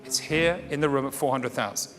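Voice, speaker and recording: A man's voice: mid-range voice, a little fast, music in the background. A man working as a fine art auctioneer in a saleroom, formally and courteously calling and repeating bids to the room. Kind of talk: live fine art auction bidding patter.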